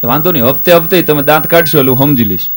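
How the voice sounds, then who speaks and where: A man's voice: a little high, very fast. A man, a folk stage comedian telling jokes and putting on voices for the characters. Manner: lively joke-telling that switches into voices for the characters. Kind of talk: stand-up folk comedy storytelling.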